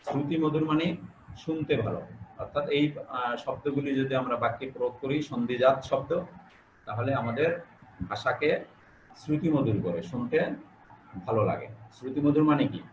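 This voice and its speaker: A man's voice: medium pitch, fairly quick, pauses often, reverberant, highs cut off, a little hiss or hum. A male teacher giving an online class, explaining step by step, repeating key phrases and putting questions to his students. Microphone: video call.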